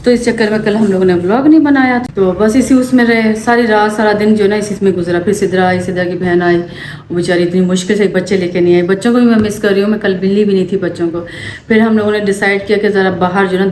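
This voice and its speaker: Animated Pakistani woman vlogger, echoey room. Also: medium pitch. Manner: animated, quick to act out what happened. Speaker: family vlogger. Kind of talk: emotional storytelling to camera. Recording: echoey room with faint ambient noise.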